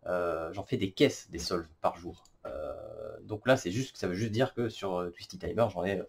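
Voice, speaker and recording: Male vlogger, lowish voice, halting casual commentary with lots of fillers. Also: creaky, slightly rough. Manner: hesitant, many fillers and self-corrections. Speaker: cubing vlogger. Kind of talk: casual screen-recorded commentary.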